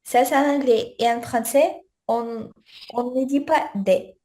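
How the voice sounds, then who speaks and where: A woman's voice: a little high, fairly even intonation, unhurried, warm tone. A woman studying French, asking questions hesitantly and searching for words on a video call. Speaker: language student.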